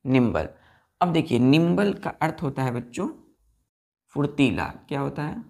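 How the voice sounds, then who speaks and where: Woman, Indian accent, gravelly voice, classroom vocabulary lesson, spells words letter by letter. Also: very deep voice, sing-song, moderate pace, dark tone. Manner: spells words letter by letter and repeats questions to students. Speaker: English vocabulary teacher.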